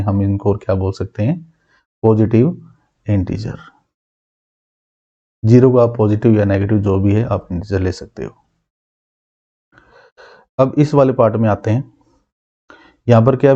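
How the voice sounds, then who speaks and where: Male math teacher, very dark tone, lo-fi audio, quizzes the class and drills terms. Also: on the low side. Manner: asks students questions and answers them himself; repeats key terms slowly.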